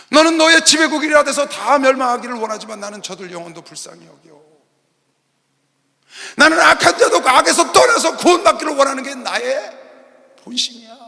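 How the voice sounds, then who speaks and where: Brief: fatherly God, as a man puts him on, patient, low and hushed, gravelly edge, big hall reverb. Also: heavily acted. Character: God, a patient fatherly male deity pleading. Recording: long arena hall reverb.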